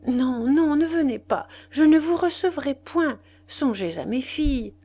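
Hesitant married woman, breathless, faltering, near-whispered, storybook reading, woman reading the part, high voice. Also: expressive, measured pace, dark tone. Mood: flustered.

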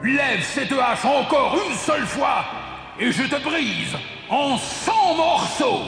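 A man voicing a huge, ugly one-eyed forest giant who bellows threats in a gravelly voice, in a storybook tale. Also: extremely high pitch, sing-song, slow, a bit bright, pitched above the performer's own voice, heavily acted. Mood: threatening. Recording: roomy reverb with music behind.

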